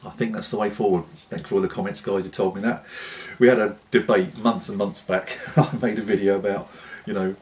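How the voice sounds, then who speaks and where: A British man in a casual, unscripted vlog chat, talking in an unhurried, rambling way with pauses. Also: on the low side, fairly even intonation, a little mellow. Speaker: pipe-smoking vlogger.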